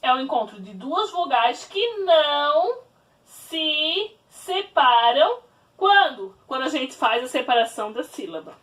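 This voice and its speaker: A woman teacher giving a grammar lesson, spelling words out slowly and patiently. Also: sits high, sing-song, a bit bright, distant mic. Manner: slow, spelled-out explaining.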